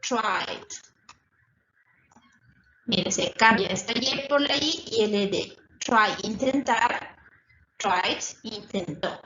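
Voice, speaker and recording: Slow-explaining woman teacher, echoey lo-fi. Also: on the high side, a bit bright, a little hiss or hum. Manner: slow, repetitive explaining with check-in questions. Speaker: English teacher. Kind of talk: recorded distance-school lesson. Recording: echoey, dull lo-fi room recording.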